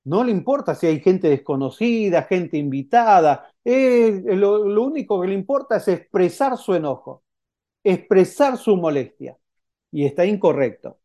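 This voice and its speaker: Conversational Rioplatense preacher, dark-toned. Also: male voice, high voice, animated, moderate pace. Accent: Rioplatense Spanish. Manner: conversational preaching with frequent "¿eh?" tags and acted quotes. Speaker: pastor. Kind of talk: sermon.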